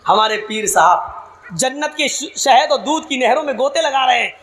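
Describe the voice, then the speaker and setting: A male preacher giving a sermon that mixes jokes and acted-out anecdotes with Arabic quotations, often rising to a shout. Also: very high voice, expressive, moderate pace. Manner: acts out characters in anecdotes, shouts Arabic quotes.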